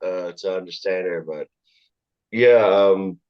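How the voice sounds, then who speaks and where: A young American man, a comedian guest, chatting in a relaxed way with frequent laughs and fillers. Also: low voice, slow. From United States. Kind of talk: casual chat. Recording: dull lo-fi audio.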